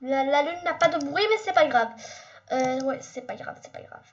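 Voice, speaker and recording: High-voiced excitable young woman gamer. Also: moderate pace, lo-fi sound. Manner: excitable, chatty, sudden squeals. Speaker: gaming YouTuber. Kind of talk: casual gameplay commentary.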